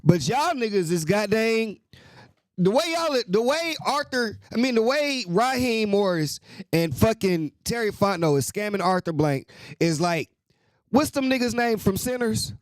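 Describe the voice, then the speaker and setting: Animated, profane man ranting about sports. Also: unhurried, no echo. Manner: profane, exasperated ranting with swings in pitch. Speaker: host. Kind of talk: casual sports rant.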